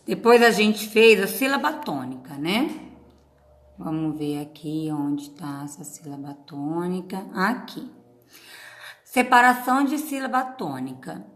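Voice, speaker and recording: A woman's voice: lowish voice, animated. A woman teacher from Paraná with a Paraná Portuguese accent, giving a recorded class to children, patient and stretching out syllables. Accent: Brazilian Portuguese from Paraná. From Paraná, Brazil. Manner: patient, drawn-out syllables, frequent "tá?". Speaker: schoolteacher. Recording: echoey room.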